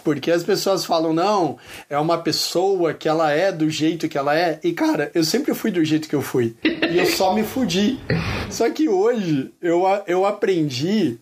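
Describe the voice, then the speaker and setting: A man's voice: a little high, expressive, normal speed, slight background noise. A man speaking as an interview guest, telling a candid personal story in an earnest, colloquial way with lots of casual fillers.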